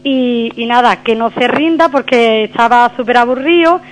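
High-voiced woman caller over the phone. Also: normal speed. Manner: hesitant, many fillers and restarts. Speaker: radio caller. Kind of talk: phone-in call to a local radio show.

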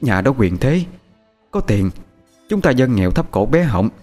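A man doing a brisk, stern village mother. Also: medium pitch, faint music behind. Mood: stern, soothing. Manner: scolding, brisk, calming. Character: stern, practical village mother, middle-aged woman.

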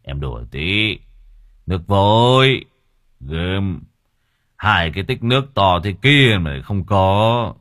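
Man putting on a crude old village boozer, low gravelly-ish bragging tone. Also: lively intonation, slow, fairly bright tone, no echo, studio quality, heavily acted. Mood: boastful. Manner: coarse boasting, then panicked wailing. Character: boastful old male village drunk.

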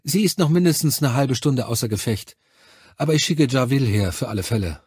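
A male audiobook reader voicing a brisk, practical female military doctor who talks in a firm, matter-of-fact way. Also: mid-range voice, lively intonation, a little mellow, slightly rough, dry recording, studio quality, pitched above the performer's own voice. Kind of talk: audiobook character voice.

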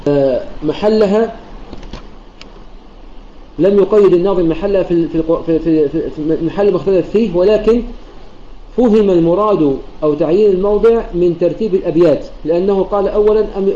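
A man's voice: sits high, warm tone, echoey room, dull audio. A man teaching Quran recitation in a methodical lesson, quoting verses and poetry lines and restarting phrases to clarify, heard over an online voice chat room. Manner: quotes verses and poetry lines while explaining. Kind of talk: explanatory religious lesson.

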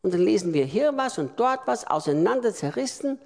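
A man preaching with a high, gravelly voice, hammering points home through repetition and sudden loud swells. His sermon rings out with the long reverb of a large hall. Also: big pitch swings, brisk.

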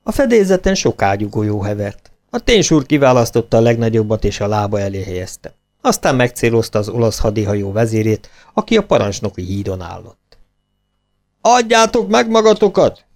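A man reading a children's storybook aloud, expressive and animated. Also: lowish voice. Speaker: audiobook reader. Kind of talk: storybook narration.

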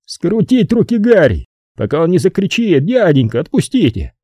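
Man voicing a petulant grumbling man, raised pitch, stubborn, audiobook reading, husky, dry. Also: very animated, normal speed, warm tone, no room sound, heavily acted. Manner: petulant and complaining. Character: Brogan, sulky, tired, stubborn middle-aged man.

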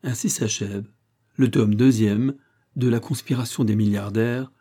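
A man reading a novel aloud in dramatic audiobook narration, with expressive rises and falls. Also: medium pitch, a little slow.

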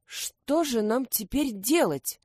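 A woman's voice: on the high side, lively intonation, takes it slowly, darkish tone, breathy edge, dry recording, clean studio sound, pitched above the performer's own voice, full character voice. A woman voicing an eager young male animal sidekick to a detective. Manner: eager, wondering.

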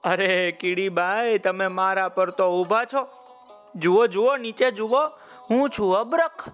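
A man voicing a gentle talking mica stone that answers in slow sing-song rhymes. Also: sits high, steady tone, faint music behind. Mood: friendly.

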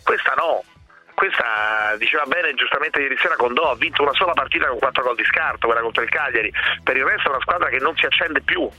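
A man's voice: medium pitch, quick pace, bright, forceful tone, no echo. A man analysing football in a radio discussion, circling back to rephrase his points. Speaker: football commentator. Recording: slightly dull, lo-fi radio sound.

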